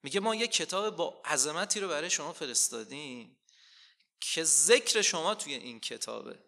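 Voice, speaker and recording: A man preaching a sermon, asking rhetorical questions and slowly quoting scripture with rising emphasis. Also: a little high, creaky, pushed and bright.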